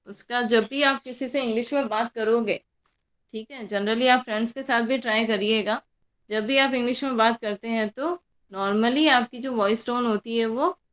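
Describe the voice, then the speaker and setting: A woman's voice: on the high side, a bit bright. A young woman college lecturer with a Hindi accent, teaching a class in a mix of Hindi and English and answering her own questions.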